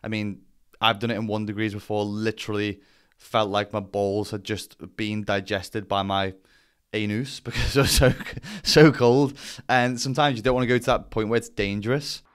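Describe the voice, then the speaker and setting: A man's voice: fairly low pitch, fairly even intonation, normal speed, smooth. A man giving a casual explainer as a vlogger, talking bluntly with some swearing and self-deprecation. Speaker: vlogger presenting to camera.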